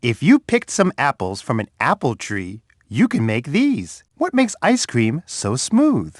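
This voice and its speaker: Kindly big bear, children's game guide, warm and coaxing, voice soaring up and down, dry close sound. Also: male voice, mid-range voice, huge pitch swings, measured pace, no echo. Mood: friendly, coaxing. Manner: warm, patient, talks straight to a young child. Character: big friendly male bear host, gentle and encouraging. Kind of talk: children's edutainment game voice clips.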